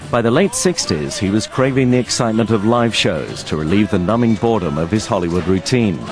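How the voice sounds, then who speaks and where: A man reading scripted documentary narration with a measured, wry delivery. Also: fairly low pitch, animated, over music.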